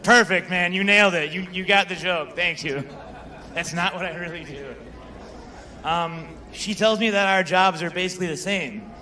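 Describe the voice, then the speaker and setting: A man's voice: high voice, normal speed, pushed and bright. A young man performing a stand-up comedy set, telling stories in a conversational way and talking with the crowd. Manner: conversational storytelling with crowd work.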